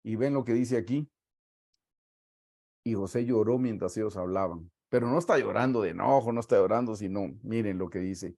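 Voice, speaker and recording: A man's voice: on the low side, a little mellow, dry recording, clean studio sound. Emphatic Guatemalan man preaching. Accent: Guatemalan Spanish. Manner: preaching, reading scripture aloud with slow emphatic stresses. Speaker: pastor. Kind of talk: sermon.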